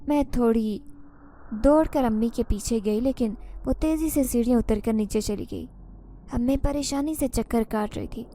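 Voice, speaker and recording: Woman narrating a story, bright voice. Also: a little high, slight background noise. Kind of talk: first-person story narration.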